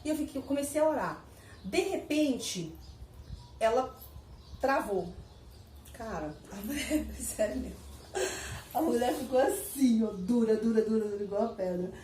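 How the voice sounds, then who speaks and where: Animated woman telling a story. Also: on the high side, measured pace, pauses often, a little hiss or hum. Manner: animated, repetitive, laughs while telling. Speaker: vlogger telling a personal story. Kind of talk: casual storytelling to viewers. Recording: echoey room, mic at a distance.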